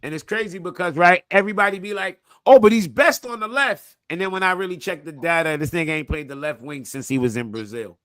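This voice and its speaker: A man's voice: fairly high pitch, quick pace, hardly any pauses, fairly bright tone, no echo. A man hosting a casual sports debate, talking bluntly with plenty of slang and swearing. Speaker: show host.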